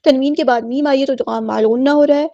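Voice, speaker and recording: A woman teaching Quran recitation rules word by word, chanting each word slowly and then explaining it in quick, plain speech. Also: sits high, fairly even intonation, mellow, no echo, highs cut off. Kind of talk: tajweed lesson, word by word explanation.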